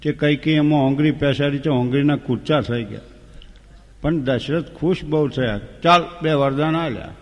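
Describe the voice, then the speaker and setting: A man's voice: a little high, moderate pace, a little mellow. A man retelling an old epic as a folk storyteller, homely and humorous, breaking into sung verses. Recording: long hall reverb.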